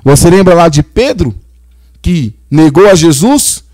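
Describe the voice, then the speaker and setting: A man's voice: a little high, animated, measured pace, dark tone, dry recording. A male pastor from Brazil preaching a sermon, telling Bible stories and acting out the figures' lines. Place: church.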